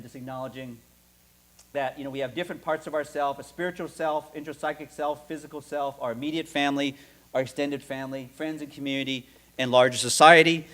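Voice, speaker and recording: A middle-aged man giving a conference talk in a seminar room, often pausing and repeating words and putting questions to the audience. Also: mid-range voice, fairly bright tone. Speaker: seminar speaker.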